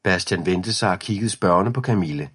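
Male narrator for a children's audiobook, deep-voiced, a bit husky, steady delivery. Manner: even storytelling.

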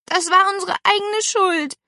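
A woman voicing an excitable little girl with a big appetite, coaxing and eager in an audiobook. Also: very high voice, brisk, dry recording, studio quality, pitched above the performer's own voice, exaggerated voice. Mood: pleading.

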